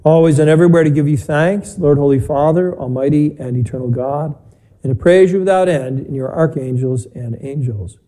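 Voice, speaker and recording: Priest speaking into a pulpit microphone. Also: male voice, on the high side, poor audio. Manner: measured, plain-spoken, with gentle humor. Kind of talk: homily and spoken Mass prayers. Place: church during a broadcast Mass.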